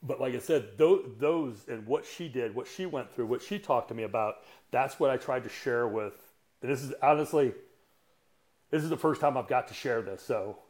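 A man in his sixties, a coach guesting on a podcast, tells a story in a casual, blunt way, swearing often and pausing on fillers. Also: mid-range voice, expressive, a little mellow. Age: 60s. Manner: blunt and profane, halting with fillers.

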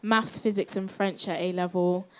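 A woman's voice: lowish voice, steady tone, moderate pace, a little hiss or hum, rough recording. A seventeen-year-old woman with a South London accent, presenting a live podcast panel in a casual way. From South London, England. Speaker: podcast host moderating a panel.

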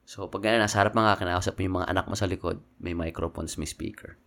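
A man chatting casually as a podcast co-host, laid-back and slangy, getting animated when excited. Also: sits low, quick pace, gravelly. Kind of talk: casual chat.

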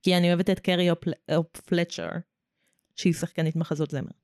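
A woman's voice: on the low side, flat delivery, a little mellow, no echo, clean studio sound. A woman with an Israeli accent co-hosting a podcast in casual chat, making brief, simple remarks. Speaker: podcast co-host.

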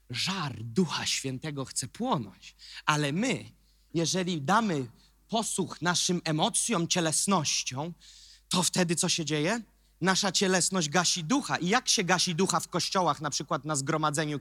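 A male pastor giving an emphatic sermon, dropping to quiet asides and rising to loud, repeated questions. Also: on the high side, husky, dry recording, clean studio sound. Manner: mocking put-on voices of churchgoers.

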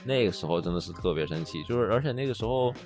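Man in his late twenties, low voice, casual podcast chat, animated storytelling, faint music behind. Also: racing. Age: late 20s. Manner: storytelling, animated when recounting, trails off softly. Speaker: podcast co-host.

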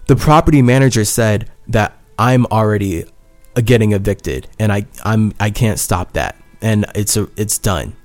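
This solo podcast host talks at medium pitch with a darkish tone. Earnest and intense, he shifts back and forth between heat and tenderness while repeating his phrases.

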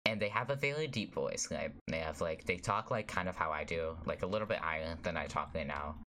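Teen dude with a real low voice, slight lisp, rambly and sweary, faint hiss behind. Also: male voice, a little fast, bright, forceful tone. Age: teens. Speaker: podcast co-host. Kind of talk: casual chat.

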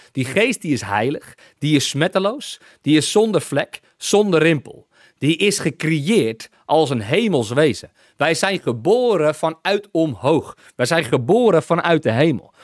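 A preacher with a fairly high-pitched voice teaches a Bible lesson in sermon form, repeating his phrases emphatically and calling out frequent hallelujahs. The recording is dry, with clean studio sound.

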